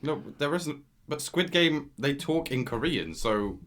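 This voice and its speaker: A man's voice: fairly high pitch, expressive, unhurried, fairly bright tone. A man co-hosting a podcast in casual chat, blunt and laid-back with slangy wording. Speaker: podcast co-host.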